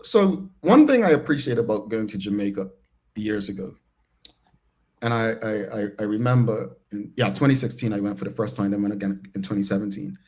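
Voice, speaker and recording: A man's voice: lowish voice, a little mellow. A man with a Bermudian accent hosting a talk show, speaking colloquially and emphatically in casual, opinionated discussion.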